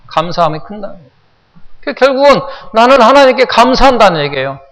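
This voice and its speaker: A Korean pastor preaching a sermon, often putting questions to the congregation and repeating phrases for emphasis. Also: male voice, high-pitched, very animated, fast talker, a bit bright, in a large hall, poor audio. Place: church sanctuary.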